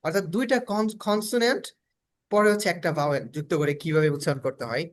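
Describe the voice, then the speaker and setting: A man's voice: high voice, lively intonation, fast. A Bangladeshi man whose first language is Bengali, teaching a step-by-step phonics lesson, drilling letter sounds and checking in with students often. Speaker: spoken English teacher.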